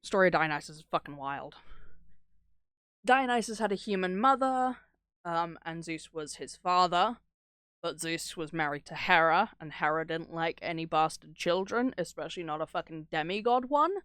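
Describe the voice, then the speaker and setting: In clean studio sound with no echo, a woman with a fairly low, clear, resonant and fairly bright voice chats at a moderate pace. She streams reactions to horror videos, rambling through stories in a sweary, irreverent style and acting out the dialogue as she retells them.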